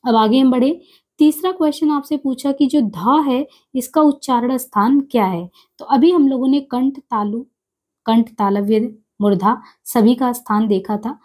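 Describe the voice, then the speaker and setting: Husky woman teaching grammar step by step. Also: sits high, darkish tone. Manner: explains step by step, repeating sounds and letters slowly. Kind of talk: exam-prep lesson.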